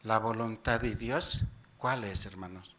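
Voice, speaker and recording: A man from Bolivia delivers a Sunday sermon as a deacon, speaking slowly and deliberately. His voice is bright and forceful. He keeps putting questions to the congregation and calls them brothers again and again. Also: fairly low pitch. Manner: tags sentences with "dice" while paraphrasing scripture. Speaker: deacon preaching.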